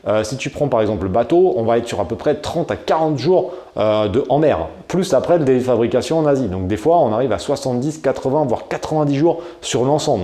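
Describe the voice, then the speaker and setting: A man's voice: medium pitch, warm tone. A man from France hosting an e-commerce video, giving casual advice straight to camera in a chatty, slangy way and talking to the viewer like a friend. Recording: roomy echo.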